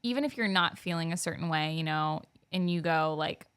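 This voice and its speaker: A young woman co-hosting a chatty podcast, with a voice that sits a little low for a woman. She talks casually and bounces into lively impressions of people she is describing. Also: a little fast, clear, resonant tone. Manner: chatty, acts out quoted people in raised voices. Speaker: podcast co-host. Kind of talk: casual chat.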